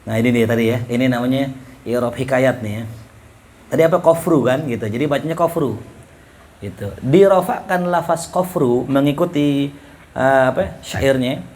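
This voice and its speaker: Relaxed male teacher, jokey. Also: medium pitch, moderate pace. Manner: relaxed, jokey, asks students questions, reads Arabic then explains. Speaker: ustadz teaching Arabic rhetoric. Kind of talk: casual classroom lecture.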